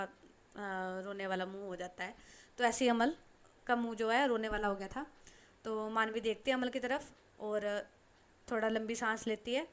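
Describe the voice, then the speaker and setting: A woman narrating an audiobook story in a casual, chatty way, retelling it in her own words. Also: a little high.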